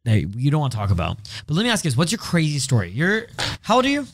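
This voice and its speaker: A man's voice: a little high, wildly swooping pitch, quick pace, fairly bright tone, a little hiss or hum. A man hosting a podcast in casual banter, brash and joking with his guests, swearing freely. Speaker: podcast host.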